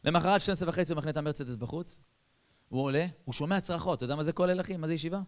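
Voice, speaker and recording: A man preaching as a rabbi, telling a story in a lively way and switching between loud bursts and hushed asides. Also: on the high side, smooth. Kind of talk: storytelling sermon.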